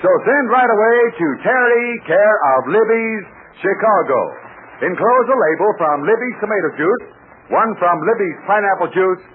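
A man with an American accent in the eager, scripted manner of an old 1940s radio announcer, selling and narrating to children. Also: sits high. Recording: tinny, hissy 1940s radio recording.

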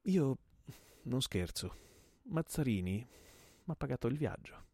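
A man's voice: low-pitched, lively intonation, normal speed, darkish tone, no echo, studio quality. A man reading a play aloud and voicing a desperate, grim man bent on murder, with an intense, menacing delivery.

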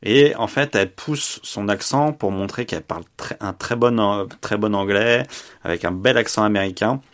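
Male podcast co-host, low voice, loose off-the-cuff review style. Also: normal speed. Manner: unscripted and searching for words, lively when praising. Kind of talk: casual spoken review.

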